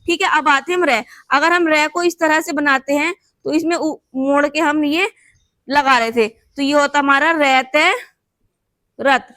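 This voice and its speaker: High-pitched and bright, her forceful voice keeps a fairly even intonation at a slightly slow pace, with no echo. While writing on a board, this woman patiently walks her shorthand students through every step. She repeats herself and keeps checking with "thik hai."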